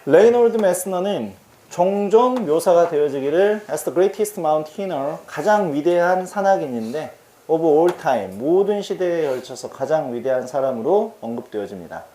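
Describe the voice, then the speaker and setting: A man's voice: on the high side, expressive, a little slow, dark tone, roomy sound. A man teaching English vocabulary in a casual exam-prep lecture. He talks in a chatty, slangy way and keeps asking his students questions.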